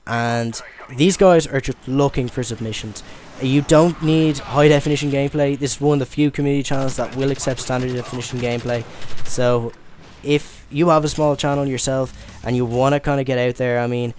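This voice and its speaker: A man's voice: medium pitch, fairly even intonation, brisk, hardly any pauses, darkish tone, a little hiss or hum. A young man from Ireland giving casual commentary over gameplay, rambling and stammering with lots of fillers. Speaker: gaming commentator.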